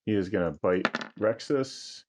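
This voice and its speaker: A man's voice: on the low side, unhurried, darkish tone. A man running an online tabletop game as game master, muttering to himself over each move. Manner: muttering to himself while deciding moves.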